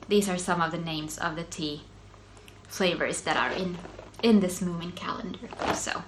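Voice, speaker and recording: Background noise sits under a fairly low-pitched woman's voice moving at a moderate pace. She is middle-aged, from Finland, a native Swedish speaker with a Finland-Swedish accent, and she hosts a chatty, casual solo knitting video podcast full of ums, small laughs, and self-interruptions.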